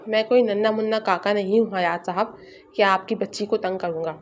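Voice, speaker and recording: Woman narrator voicing a cocky young hero, low murmuring tease, possessive, middle-pitched, dull lo-fi sound. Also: steady tone, a little hiss or hum, lightly acted. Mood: teasing. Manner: low, teasing, intimate murmurs. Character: brash possessive young man, teasing hero. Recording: slightly muffled lo-fi recording.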